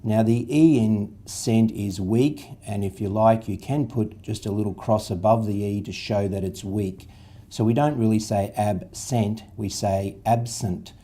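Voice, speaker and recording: A man's voice: on the low side, unhurried, warm tone. A man, patiently explaining a reading method step by step, spelling out letters and sounds. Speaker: literacy tutor.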